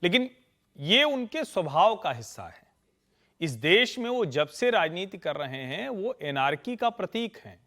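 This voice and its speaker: Forceful high-voiced man commentator. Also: big pitch swings, a little slow. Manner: forceful, lecturing. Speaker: political commentator. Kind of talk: TV panel debate.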